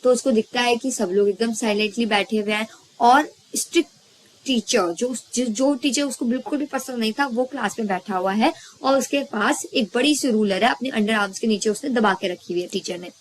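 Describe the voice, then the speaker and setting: A woman teacher with a fairly high voice talks through a story in a relaxed lesson. She is chatty and keeps asking her listeners questions, then answers them herself. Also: a little fast, low-quality recording. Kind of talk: casual lesson retelling a story.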